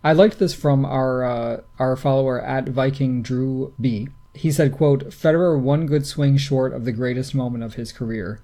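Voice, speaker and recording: A man's voice: medium pitch, fairly even intonation, normal speed, hardly any pauses, warm tone. A man co-hosting a tennis podcast in casual chat, matter-of-fact, rattling off lists. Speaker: podcast co-host.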